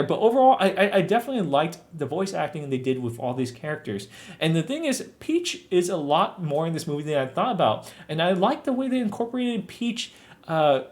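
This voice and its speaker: A young man talks through a movie review in a relaxed, chatty way. He sounds earnest and upbeat, his voice sitting at an ordinary middle pitch. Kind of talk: casual spoken review.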